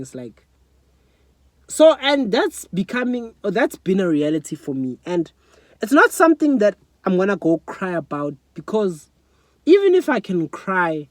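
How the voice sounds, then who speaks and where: A man's voice: high voice, dry recording. A young man from South Africa talking earnestly and emotionally to his phone camera in a personal vlog, often asking "you know what I'm saying". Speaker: vlogger. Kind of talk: personal reflective monologue. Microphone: phone front camera.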